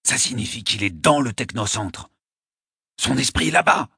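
A man reading an audiobook, voicing a nervous, scornful male conspirator with a raspy voice. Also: on the low side, brisk, bright, forceful tone, no echo, clean studio sound, full character voice. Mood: agitated. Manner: scoffing, jittery outbursts. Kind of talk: audiobook character voice.

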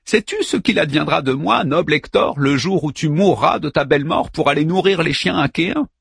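A man voicing a desperate young princess who pleads with her warrior husband in a high, strained voice. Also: fairly quick, gravelly, slightly rough, no room sound, studio quality, exaggerated voice. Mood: furious. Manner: pleading then fierce and bitter.

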